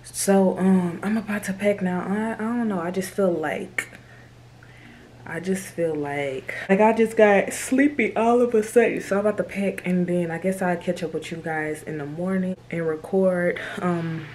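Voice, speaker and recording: A woman's voice: fairly low pitch, normal speed, darkish tone, a little hiss or hum. A woman in her twenties vlogging casually to camera, chatty and slangy. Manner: laid-back, chatty, slangy. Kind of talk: casual vlog talk to camera.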